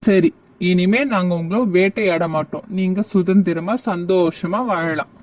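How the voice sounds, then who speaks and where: A woman voicing a gruff adult male hunter speaking firmly to his wife in a cartoon. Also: on the low side, steady tone, a little slow, a little mellow, natural voice.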